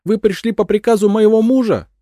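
Man doing a hysterical woman, shrieking, unhinged, high and loud, audiobook. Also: fairly quick, no echo, clean studio sound, close to an everyday voice. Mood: frantic shrieking. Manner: shrill, frantic outbursts.

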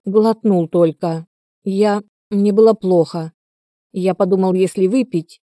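Audiobook figure: faint, scared young man, voiced by a woman, slow halting lines. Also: mid-range voice, fairly even intonation, warm tone, no echo, studio quality, natural voice. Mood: weak frightened. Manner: weak, childish complaining. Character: sickly spoiled young man, frightened and weak.

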